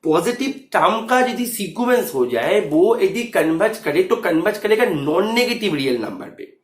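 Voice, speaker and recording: Male math teacher walking students through an exam answer, mixing English terms into Hindi, high lively delivery, echoey room. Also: moderate pace. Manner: checks understanding often. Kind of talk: explaining exam solution.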